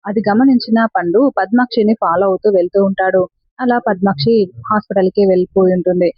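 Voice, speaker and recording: A woman narrates a serial episode in a relaxed, chatty way, walking through each scene and quoting what the characters say. Her voice is husky and a little breathy. The recording is dry and dull, with a lo-fi edge. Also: mid-range voice, fairly quick, no room sound. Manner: retells scenes step by step, quoting lines of dialogue. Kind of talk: casual spoken story recap.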